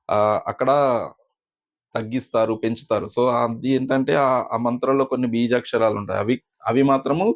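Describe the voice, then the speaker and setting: A man teaching a spoken pronunciation lesson, explaining slowly with many pauses and fillers. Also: mid-range voice. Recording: slightly dull lo-fi recording.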